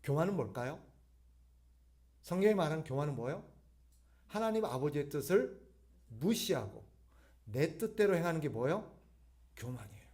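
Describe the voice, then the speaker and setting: A man's voice: on the high side, warm tone. A male pastor preaching a sermon at an evening church service, firing rhetorical questions at the congregation and answering them himself, with sudden emphatic rises.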